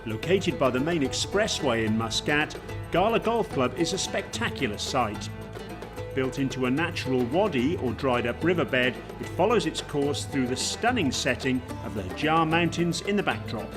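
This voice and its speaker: A man hosting a golf highlights show, reading a smooth, measured scripted voice-over. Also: animated. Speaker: show host and narrator. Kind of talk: scripted sports narration. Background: music.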